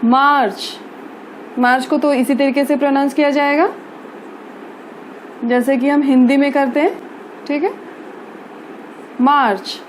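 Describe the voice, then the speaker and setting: Teaching English words in Hindi, a woman with a high, fairly even voice goes slowly, patiently repeating and spelling each one out letter by letter while often saying "theek hai." There's a little hiss or hum.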